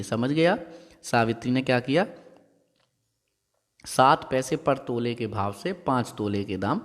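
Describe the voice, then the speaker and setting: Man teaching a story lesson, reverberant room. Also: mid-range voice. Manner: repeats and explains each line, asks quick checking questions. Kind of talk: explaining and reading a Hindi story lesson. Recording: long hall-like reverb.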